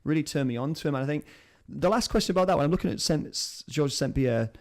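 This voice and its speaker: A man's voice: fairly high pitch, very fast. A man hosting a live-stream chat, rambling and enthusiastic as he talks. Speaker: show host.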